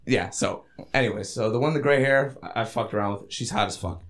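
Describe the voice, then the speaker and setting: A man's voice: on the low side, a little fast. A young man telling a crude story to friends, rowdy and boastful, swearing often and laughing as he talks. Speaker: podcast co-host telling a story. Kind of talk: crude casual banter among friends.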